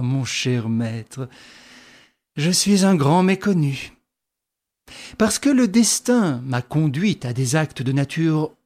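A man's voice: sits high, a little mellow, pitched above the performer's own voice, heavily acted. Arsène Lupin, suave thief, read by a man. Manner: smooth, ironic, lordly. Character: suave young male gentleman thief.

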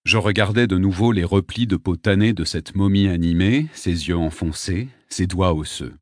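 A man reading a novel aloud as an audiobook narrator, in a measured, even way. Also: low voice, no echo, clean studio sound. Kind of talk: scripted narration.

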